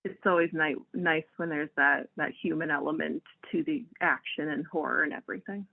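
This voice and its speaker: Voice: mid-range voice, moderate pace, vocal fry. An interviewer asks questions over a tinny, phone-like connection. The voice sits in a middle range, and the delivery is tentative, with each question eased in by an "um". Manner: hesitant, starts questions with "um".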